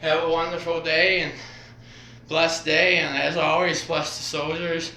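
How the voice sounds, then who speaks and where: A man talking casually while demonstrating stretches, out of breath and rambling in halting phrases strung together with "and". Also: a little high, flat delivery, bright, forceful tone. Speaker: vlogger. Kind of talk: casual exercise demonstration vlog. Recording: roomy echo, faint background hiss.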